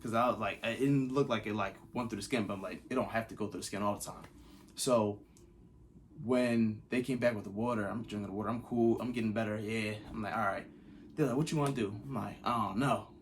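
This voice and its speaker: A man's voice: lowish voice, steady tone, fairly quick, a little hiss or hum. A young man casually telling a personal story, loose and slangy. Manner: laid-back slangy retelling. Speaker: vlogger.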